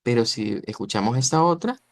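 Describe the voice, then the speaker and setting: A Latin American man teaches an online language class, explaining pronunciation. His medium-pitched, gravelly voice is animated and brisk with no room sound, and he explains patiently while repeatedly checking that his students are following.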